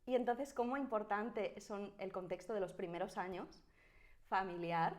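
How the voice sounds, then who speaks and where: A woman hosting a podcast, chatting casually with her guest and adding quick interjections and encouraging backchannels. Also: mid-range voice, darkish tone. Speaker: podcast host.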